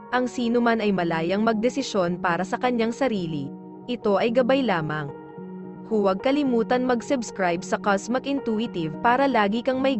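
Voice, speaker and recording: Over faint background music, a medium-pitched female voice narrates daily horoscopes with formal, measured delivery.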